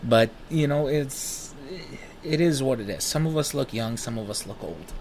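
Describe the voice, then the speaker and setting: Animated thirty-year-old man telling stories. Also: medium pitch, normal speed, slight background noise. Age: 30s. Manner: animated, rambling, swears freely. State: smoking while talking. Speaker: vlogger. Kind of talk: casual personal storytelling.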